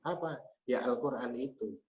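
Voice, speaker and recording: A man, teaching Arabic grammar patiently and methodically, pausing often on hesitation sounds. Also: medium pitch, darkish tone. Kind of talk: explaining grammar in a class. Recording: slightly muffled with faint hum.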